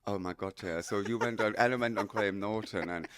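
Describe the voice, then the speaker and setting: A man's voice: fairly low pitch, fairly quick, fairly bright tone, clean tone. A man with a German accent, hosting a casual chat in a camp, theatrical way and laughing often. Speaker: podcast host, hairdresser.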